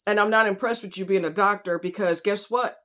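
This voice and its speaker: A woman lets loose an indignant, cursing tirade in casual, personal talk. Her voice sits at a medium pitch for a woman, and she hammers her points home with emphatic repetition. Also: fairly quick, a bit bright. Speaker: patient and former medical worker. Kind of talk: personal rant to camera, casual.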